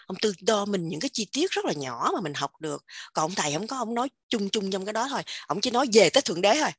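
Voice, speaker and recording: A woman with a Southern Vietnamese accent giving an animated casual spiritual talk, repeating words in quick emphatic bursts. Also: mid-range voice, breathy edge, no echo, studio quality. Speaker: religious teacher sharing insights.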